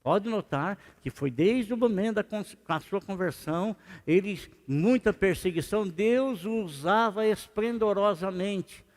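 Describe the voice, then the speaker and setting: A man's voice: sits high, a little slow, few pauses. A male pastor, preaching a conversational sermon full of rhetorical questions in a church. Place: church sanctuary. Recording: reverberant church hall.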